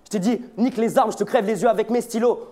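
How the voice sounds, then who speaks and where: A young Belgian battle rapper with a high-pitched, warm voice delivers aggressive, taunting verses with no beat behind him. His pace is quick and his tone steady, each line punchy.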